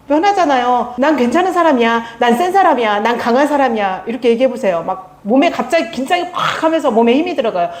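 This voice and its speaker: A woman's voice: fairly high pitch, darkish tone. A woman pastoral counselor giving a church lecture, coaxing her audience to repeat phrases after her. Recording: echoey hall, faint room noise.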